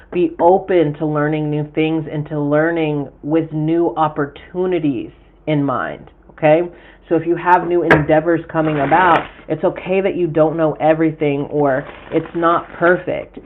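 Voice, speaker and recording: A man with a slightly high voice runs a casual live tarot reading, speaking directly and bluntly to his viewers. The audio is thin and tinny, like a phone line. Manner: chatty, addresses viewers directly, frank and profane. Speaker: tarot reader and livestream host.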